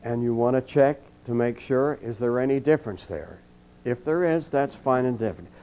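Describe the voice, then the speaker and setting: Older man, mellow dark voice, folksy calm teacher, leading a class, dull lo-fi archive tape. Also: medium pitch, normal speed. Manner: folksy, anecdotal, calm coaching. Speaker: trumpet teacher giving a clinic. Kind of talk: storytelling and leading a breathing exercise. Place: college clinic room with an audience.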